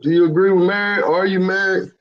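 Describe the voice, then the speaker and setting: A man's voice: sits high, fairly even intonation, fast, a loud crowd. A man hosting a call-in panel, casually putting questions to the guests. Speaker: panel host. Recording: dull lo-fi call audio.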